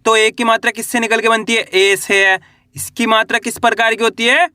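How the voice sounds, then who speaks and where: A man's voice: extremely high pitch, flat delivery, fairly quick, pushed and bright, clean tone, no echo, studio quality. A man giving a patient spoken reading lesson, repeating each sound and often checking that the learner understands. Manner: patient, repetitive, often asks "आ रहा है समझ में?". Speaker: Hindi reading teacher.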